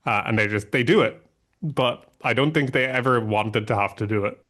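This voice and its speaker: A man co-hosting a film podcast, blunt and insistent in casual chat, quick to laugh. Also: mid-range voice, a bit bright. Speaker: podcast co-host.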